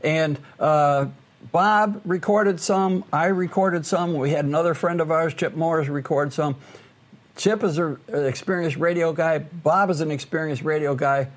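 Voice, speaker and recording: A man, a former high school science teacher, co-hosting a podcast in earnest casual chat and laughing easily. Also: steady tone, measured pace. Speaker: podcast co-host.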